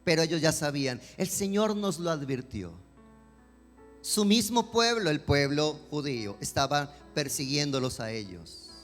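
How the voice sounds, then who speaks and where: A man preaching a sermon as a pastor, swinging between emphatic questions and softer pleading. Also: a little high, normal speed. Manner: preaching with rising emphatic questions and dramatic quoted voices. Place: church sanctuary. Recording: long church hall reverb with music behind.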